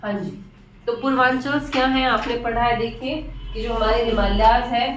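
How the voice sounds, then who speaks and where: A woman's voice: fairly high pitch, fairly even intonation, moderate pace, slight background noise. A woman teacher lecturing at a board, repeating key terms and asking and answering her own questions. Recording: echoey room from far off.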